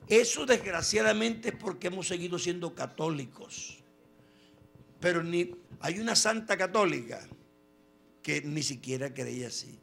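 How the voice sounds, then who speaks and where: A man preaching a sermon, telling stories with quoted voices and sudden loud bursts. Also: high-pitched, lively intonation, unhurried, creaky.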